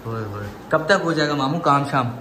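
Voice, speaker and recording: Excited high-voiced young man vlogging. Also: normal speed, background noise. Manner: excited, teasing, loud exclamations. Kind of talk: casual chat. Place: home during family celebration.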